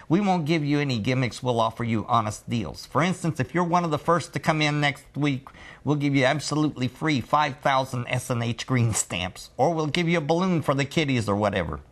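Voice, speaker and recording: A man imitating a fast-talking male used-car dealer who talks with a lisp and salesy patter, pitched well above his own low voice. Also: close to an everyday voice.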